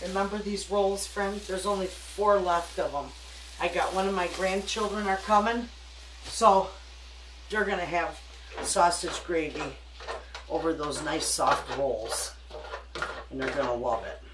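A woman's voice: lowish voice, unhurried. An older woman giving a casual, folksy cooking demonstration as she works in her home kitchen, talking to a camera a few feet away. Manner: homespun, chatty, folksy kitchen talk. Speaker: home cook, cooking show host. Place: home kitchen, indoors at the stove. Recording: echoey kitchen, distant mic, background noise.

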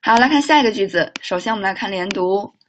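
A woman's voice: medium pitch, animated, a bit bright, slight background noise. Woman teacher drilling spoken phrases. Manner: slow drilled model phrases, quick chatty asides; firm with students, mildly scolding. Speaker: English teacher. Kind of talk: live online English speaking lesson.

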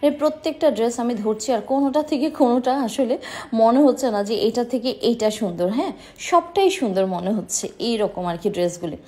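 A woman's voice: fairly high pitch, a little fast, dark tone. A woman in her thirties, a boutique owner, showing dresses in an eager, persuasive sales vlog in a small indoor shop. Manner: enthusiastic, persuasive, addresses viewers as sisters.

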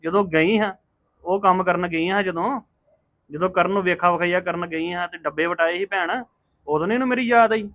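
A man's voice: high voice, a little fast, a bit bright. An actor playing a brother who complains to his sister about her taunts, speaking. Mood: aggrieved. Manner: aggrieved, complaining. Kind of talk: Punjabi family drama acting.

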